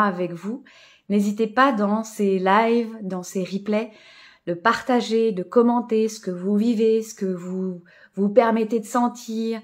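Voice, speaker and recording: A woman hosting a live coaching stream, speaking in a reflective, spiritual way with many fillers and soft laughs. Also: mid-range voice. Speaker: host of a live coaching session. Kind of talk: casual live stream talk, greeting viewers.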